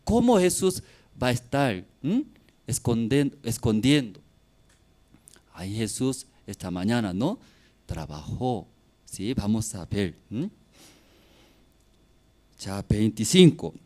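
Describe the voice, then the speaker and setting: Slow-preaching man, pastor. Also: fairly low pitch, animated, darkish tone. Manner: preaching with rising emphatic bursts and frequent tag questions. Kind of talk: sermon.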